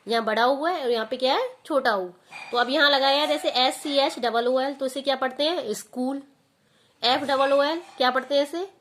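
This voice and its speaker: A woman teacher giving an online grammar lesson, asking questions and then answering them herself. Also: sits high.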